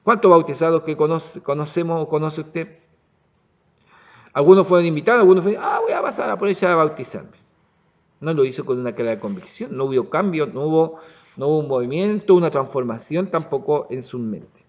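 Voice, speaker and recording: A man's voice: a little high, expressive, fairly quick. Man teaching scripture, lo-fi sound. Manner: restarts and asks "¿ya?" to check understanding. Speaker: pastor teaching a Bible lesson. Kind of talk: Bible study sermon.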